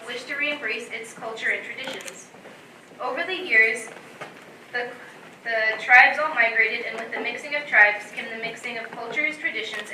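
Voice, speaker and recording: A young woman student reads a prepared talk to a live audience in a steady, formal way. Her voice is very bright and a touch high. The sound is distant and echoey. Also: a little hiss or hum. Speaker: student presenter. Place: college event room. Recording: roomy echo, distant from mic.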